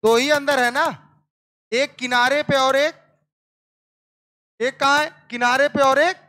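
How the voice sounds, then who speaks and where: A man's voice: very high-pitched, steady tone, takes it slowly, sharp tone. A male biology teacher lecturing a classroom, repeating terms and asking students again and again whether they understood. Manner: keeps quizzing the class with repeated questions; calls students "beta".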